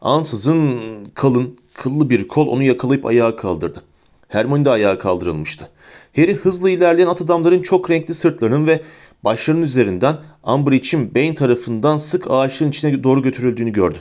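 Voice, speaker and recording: A man narrating a fantasy story as an audiobook reader, steady and vivid. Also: mid-range voice, moderate pace. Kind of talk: storybook reading.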